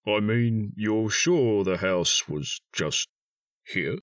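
A man playing a friendly, slow-witted toy bear with a gruff voice and a hesitant, ponderous way of talking for a storybook. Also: on the low side, expressive, dry recording, studio quality, recorded from a distance. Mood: puzzled.

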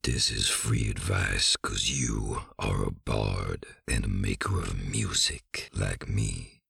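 A massive troll musician, his voice dropped to a cavernous depth and ground into a gravelly, rasping rumble. He drags out each clumsy, broken-grammar phrase at a crawl, in a dry, close storybook reading. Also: fairly even intonation, fairly bright tone, full character voice. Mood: lecturing. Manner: slow, laboured speech in broken grammar. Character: huge slow-witted male troll musician.

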